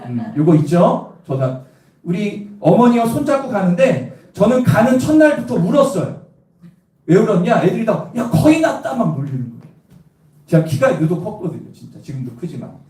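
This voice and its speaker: This time the high-voiced pastor from Cheongju, South Korea, keeps a moderate pace as he gives a lively evangelistic sermon. Questions for the congregation mix with humorous personal anecdotes, heard from afar in an echoey church sanctuary.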